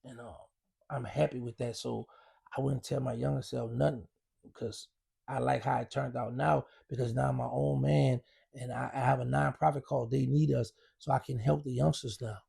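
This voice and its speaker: Gravelly, husky middle-aged man. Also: mid-range voice, steady tone, normal speed, dark tone. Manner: street slang, emphatic storytelling. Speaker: podcast guest. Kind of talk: casual interview talk.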